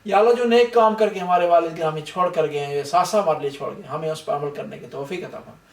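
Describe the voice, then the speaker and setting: A man giving a mourning majlis sermon and prayers, impassioned and rising to cries at the climaxes. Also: a little high. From Pakistan. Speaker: majlis speaker. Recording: echoey hall, mic far off.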